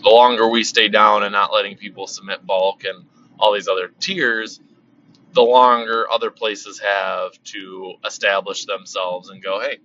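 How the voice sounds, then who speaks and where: A card collecting channel host with a lowish, sharp-toned voice gives a casual monologue, rambling, repeating words, using many fillers, and losing his voice. The lo-fi recording sounds slightly dull, with a bit of background noise.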